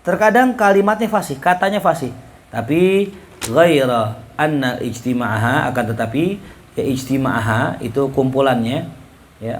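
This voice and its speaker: A man teaching a class in a relaxed, joking way, reading Arabic lines and explaining them with questions to students. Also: mid-range voice. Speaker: ustadz teaching Arabic rhetoric. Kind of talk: casual classroom lecture.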